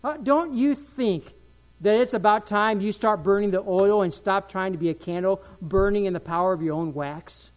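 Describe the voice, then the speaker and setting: A man preaching a sermon with fervent emphasis, repeating key phrases and swinging between loud declarations and hushed asides. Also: high-pitched, normal speed.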